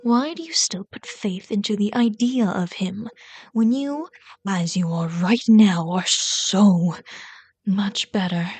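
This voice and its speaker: In an intimate ASMR roleplay, a woman plays a bitter villain who is hopelessly devoted to a hero's sidekick. She speaks slowly and intensely at a middle pitch, often dropping into breathy whispers, with a darkish tone and no echo. The mood is tender yet intense.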